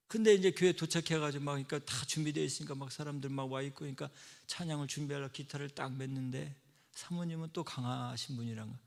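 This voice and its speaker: A middle-aged male pastor preaching a sermon, telling stories and acting out quoted voices, swinging from loud outbursts to soft whispers. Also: fairly high pitch, gravelly. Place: church sanctuary. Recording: long church-hall reverb.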